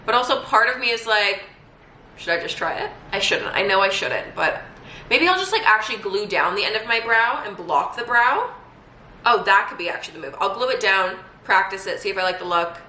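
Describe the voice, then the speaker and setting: A woman's voice: mid-range voice, expressive, brisk, sharp tone. A young woman in her twenties chatting casually through a makeup tutorial at home, upbeat and full of fillers. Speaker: beauty vlogger. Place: home room during quarantine. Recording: echoey room, faint noise.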